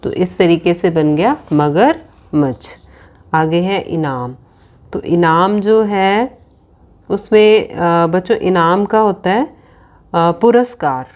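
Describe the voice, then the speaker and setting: A woman's voice: lowish voice, lively intonation, slow pace, darkish tone. A woman teacher working through a worksheet with children, reading out options and spelling words letter by letter.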